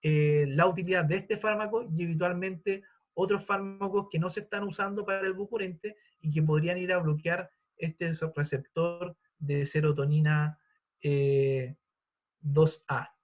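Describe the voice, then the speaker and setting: A man in his forties gives a live online lecture in a fairly high voice. He explains things patiently, with frequent hesitations and restarts. The audio is dull and lo-fi. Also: steady tone, measured pace. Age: 40s. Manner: explanatory, with many fillers and restarts. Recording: dull lo-fi sound.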